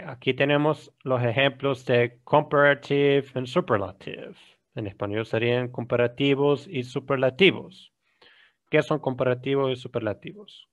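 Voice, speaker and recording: A man with an Ecuadorian Spanish accent teaching an English grammar lesson, explaining in Spanish, reading examples slowly and often checking "¿sí?". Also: mid-range voice. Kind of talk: recorded classroom lesson. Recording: dull lo-fi recording.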